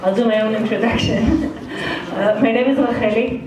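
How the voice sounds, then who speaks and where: A woman's voice: fairly high pitch, normal speed, over a noisy crowd. A middle-aged woman from Israel with an accent that is part Israeli and part Brooklyn, speaking frankly and casually as a guest speaker to students in an indoor study hall. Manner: frank, casual, self-deprecating. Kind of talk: informal talk to students. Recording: very echoey hall, far from the mic.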